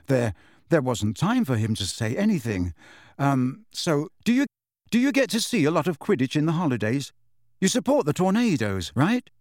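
An uneasy, stumbling teenage boy who keeps his voice low and unsure, as a male narrator plays him. The reading sits close to the reader's own voice, with a dry, close sound. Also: sing-song, measured pace, no room sound. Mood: flustered. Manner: hesitant, nervously quiet. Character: awkward teenage boy, flustered.

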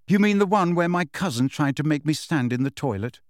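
A man's voice: a little high, animated, fairly quick, no room sound, studio quality, close to an everyday voice. A man voicing a defiant, resentful teenage boy wizard who answers in stiff, guarded replies. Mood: guarded sullen.

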